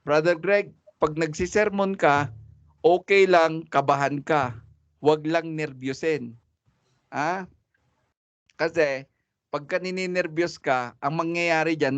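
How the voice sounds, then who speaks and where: In a church classroom, a male homiletics teacher runs a relaxed, talkative preaching class in a mix of Tagalog and English, laughing a lot. His slightly high voice keeps a measured pace with long pauses, and the lo-fi recording is dry and dull with no echo.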